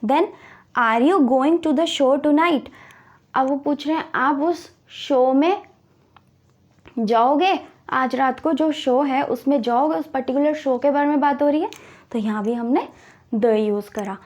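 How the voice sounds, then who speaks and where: Woman teacher, high-pitched, slow, patient step-by-step explainer. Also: darkish tone. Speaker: English teacher. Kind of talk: grammar lesson.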